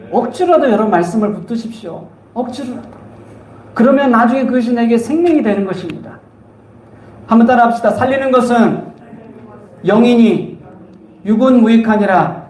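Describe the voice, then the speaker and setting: A man delivering a sermon in a church sanctuary, his voice pitched high and bouncing around the room's echo. He preaches emphatically, often climbing into high, pleading cries. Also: darkish tone, a little hiss or hum. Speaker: pastor. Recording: echoey church room.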